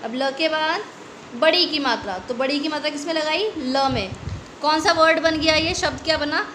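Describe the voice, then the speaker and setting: An Indian woman teaching a young children's Hindi class, drawing out each word slowly and asking the kids questions. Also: high voice, fairly bright tone, slight background noise. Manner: slow, drawn-out word stretching with quiz questions. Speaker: primary school Hindi teacher. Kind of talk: online class lesson. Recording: echoey room with faint ambience.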